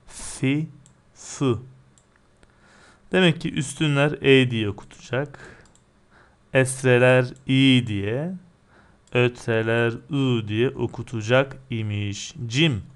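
A man teaching a recorded reading lesson, drilling syllables patiently and answering his own questions. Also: medium pitch.

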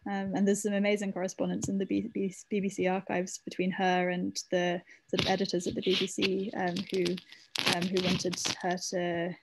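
Halting woman author with a gravelly voice. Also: mid-range voice, completely flat delivery, slight background noise, poor audio. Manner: hesitant, many ums and restarts. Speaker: author speaking at a library talk. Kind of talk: answering audience questions in an online talk.

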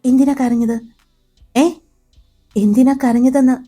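A woman's voice: sits high, fairly even intonation, measured pace, dark tone, soft background music. Aryan, a woman reading a firm protective young husband. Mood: insistent.

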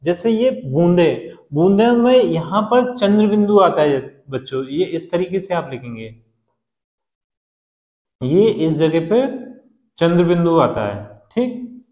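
A male teacher patiently explaining a lesson to children, repeating key words and spelling them out slowly. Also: a little high, lively intonation, warm tone, reverberant.

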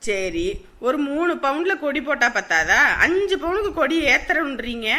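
A woman's voice: sits high, sing-song, moderate pace, bright, forceful tone, exaggerated voice. An actress playing a wife who bickers with her husband about spending in a web drama. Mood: bickering. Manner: bickering, argumentative. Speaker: wife haggling over wedding costs. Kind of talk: Tamil web drama acting.

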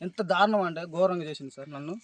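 A man with a Telangana Telugu accent giving distressed, halting testimony in an interview, pleading and repeatedly addressing the listener as sir. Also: fairly high pitch, no echo. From Telangana, India. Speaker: complainant describing police abuse.

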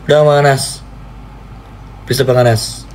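A man's voice: steady tone, moderate pace, background noise. Playful man on a live stream. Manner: playful, mock-pleading, jumps to squeaky high cries. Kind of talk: casual live-stream chat.

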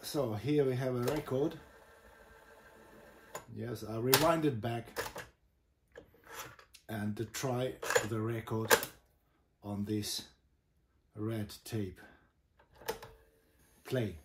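A man giving an informal, step-by-step product demonstration as a host, speaking haltingly in short phrases. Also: medium pitch, fairly even intonation. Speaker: host demonstrating vintage boomboxes. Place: indoor room with a table of boomboxes. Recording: echoey room, loud noise, mechanical clicks.

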